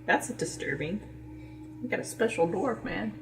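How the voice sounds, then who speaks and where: Animated woman player, far from the mic. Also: mid-range voice, normal speed, vocal fry. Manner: animated and amused. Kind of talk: casual tabletop play. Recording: far-off mic, background noise.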